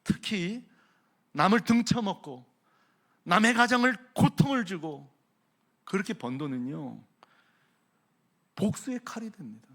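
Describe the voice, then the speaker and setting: Male pastor, preaching; animated delivery, lively pitch, asks the congregation questions. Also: unhurried, pauses often. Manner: animated preaching, swings from hushed to loud exclaiming. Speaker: senior pastor. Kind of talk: sermon.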